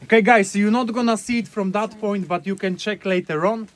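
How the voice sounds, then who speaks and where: Man, cave tour guide, cave echo, raised voice, slightly high pitch. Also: steady tone, a little fast. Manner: raised voice, calling out to a group. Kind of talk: guided tour talk to a group. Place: inside a lava cave.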